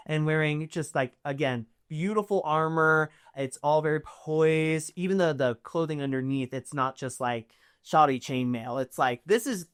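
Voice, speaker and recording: A woman narrating a tabletop game as game master in a casual, chatty way with many fillers. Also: low voice.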